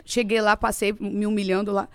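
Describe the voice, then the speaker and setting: A young Brazilian woman telling a story in casual chat as a guest, animated and laughing often. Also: mid-range voice, fairly quick, smooth, no echo.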